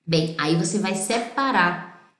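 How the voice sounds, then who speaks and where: A Brazilian woman with a Brazilian Portuguese accent teaching Italian pronunciation, singing song lines slowly and explaining in quick bursts. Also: fairly low pitch, lively intonation, fairly bright tone, reverberant, slight background noise. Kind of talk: pronunciation lesson.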